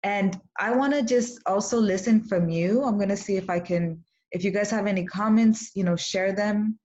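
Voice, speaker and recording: A young coach from Los Angeles, Spanish her first language, runs a casual webinar in a medium-pitched, slightly mellow voice at a moderate pace. Her tone is encouraging, she restarts phrases often, and the lo-fi recording is a bit dull.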